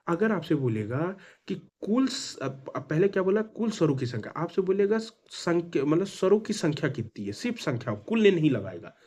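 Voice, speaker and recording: A man's voice: on the high side, mellow. A male teacher giving an exam-prep grammar lesson, asking and answering his own questions and repeating key points with emphasis.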